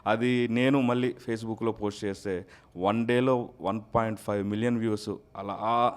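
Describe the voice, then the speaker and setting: A soft-spoken man with a lowish voice, guest on an interview. He answers in a measured, polite way. He sounds like he is in a studio. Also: steady tone, smooth. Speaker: mimicry artist guest. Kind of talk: casual interview chat. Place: recording studio.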